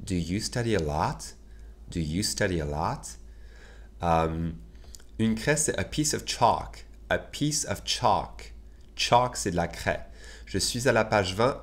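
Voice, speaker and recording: Teacher drilling English phrases. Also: male voice, low voice. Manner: conversational, many filler "euh"s. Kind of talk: bilingual English lesson in French.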